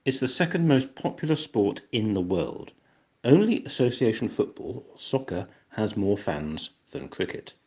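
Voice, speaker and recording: A man's voice: on the low side, big pitch swings, moderate pace, warm tone, husky, dull audio. An older English man with an English accent, narrating an educational explainer in a wry, dry-humored way. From England.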